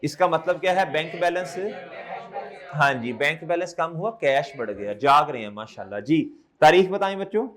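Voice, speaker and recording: Coaxing male lecturer, fairly high voice. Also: animated, normal speed, a bit bright. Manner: scolding, coaxing, repeats questions to students. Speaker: accounting lecturer. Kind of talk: classroom lecture. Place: classroom, also streamed online.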